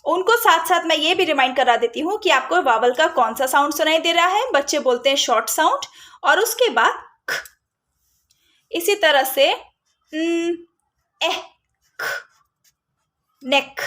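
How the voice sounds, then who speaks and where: A woman's voice: high voice, lively intonation, a bit bright. A woman explaining a phonics spelling rule to parents, patiently sounding out letters and words, mixing in English terms. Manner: slow, patient, mixes Hindi and English words. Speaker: phonics teacher and parenting vlogger.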